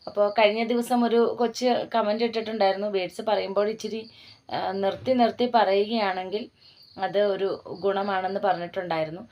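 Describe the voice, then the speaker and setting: A female exam tutor, teaching a spoken lesson at a mid-range pitch. She stops between words and dictates each spelling letter by letter so students can write it down. Her tone is encouraging and teacherly. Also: fairly even intonation, fairly quick, highs cut off. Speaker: OET tutor.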